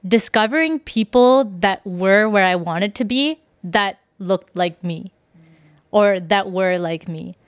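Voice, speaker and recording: A woman's voice: mid-range voice, takes it slowly, no echo, clean studio sound. A woman in her twenties, a podcast guest, chatting casually with frequent laughs and acted-out quotes. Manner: animated, laughs often, acts out quoted voices. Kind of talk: casual interview chat.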